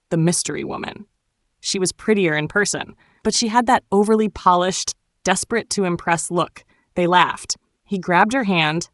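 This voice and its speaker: Female storytime narrator, slightly low pitch, cool and sharp-tongued, dramatic first-person delivery. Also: no echo, clean studio sound.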